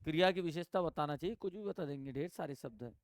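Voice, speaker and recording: A male teacher from giving a classroom grammar lesson, asking the class questions, answering them himself and repeating key words slowly. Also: a little high, animated, no echo, studio quality.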